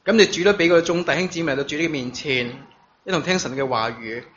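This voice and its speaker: A man preaching a sermon, reading scripture in a measured way and using halting fillers when he speaks freely, at a church service that is also streamed online. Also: a little high, a bit bright. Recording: dull lo-fi recording with congregation noise.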